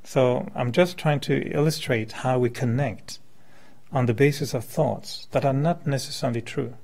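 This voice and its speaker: A man in his fifties with a mid-pitched voice full of vocal fry speaks at a normal speed with a darkish tone. Originally from France, living in Quebec, and a native French speaker, he is a meditation teacher giving an informal spiritual lecture to a live group. His style is conversational and questioning, with hypothetical examples.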